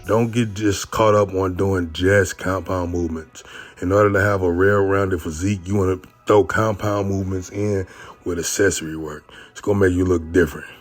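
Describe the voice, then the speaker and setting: A man with a low-sitting voice talks at normal speed over his own workout footage, giving a casual instructional voice-over. He sounds relaxed and conversational and often throws in "you know what I mean."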